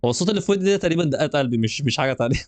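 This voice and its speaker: Here a young gaming channel host with an Egyptian Arabic accent delivers animated, racing let's play commentary on a horror game, nervous and jokey with plenty of laughs. His pitch is fairly high and the sound is dry.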